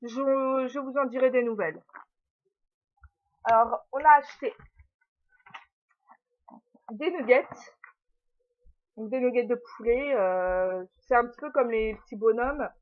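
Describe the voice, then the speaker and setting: A woman's voice: fairly high pitch, unhurried, long pauses. A young woman chatting casually and giggling through a haul video at home, filling her talk with little hesitations and talking to her puppy. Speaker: vlogger. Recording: dull lo-fi sound.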